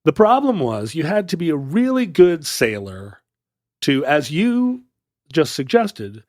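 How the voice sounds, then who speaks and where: A man's voice: on the high side, sing-song, measured pace, darkish tone, no echo, clean studio sound. A man co-hosting a podcast, telling a history story in a casual, playful way with joking asides. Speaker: podcast co-host.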